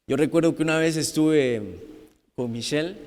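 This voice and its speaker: A man preaching a sermon, building to loud, fervent peaks. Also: on the high side, normal speed. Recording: long hall reverb.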